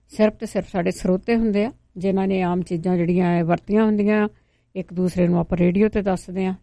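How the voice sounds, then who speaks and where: A woman hosting a radio call-in show, taking callers and answering them calmly and briefly. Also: fairly low pitch, vocal fry, no room sound. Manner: calm, brief replies to callers. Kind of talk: radio call-in chat about home remedies.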